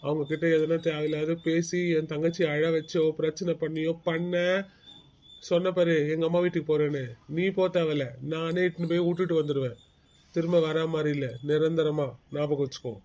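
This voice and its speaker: A man's voice: a little high, flat delivery, fairly quick, a little mellow, dull audio, lightly acted. A man voicing a stern husband in a cartoon family drama, firmly lecturing his wife about his sister. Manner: firm, bossy, lecturing.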